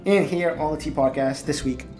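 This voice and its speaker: A man's voice: on the high side, moderate pace, darkish tone, soft background music. A man in his forties from Boston, hosting a solo podcast in a candid, reflective and profane way. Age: 40s. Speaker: podcast host.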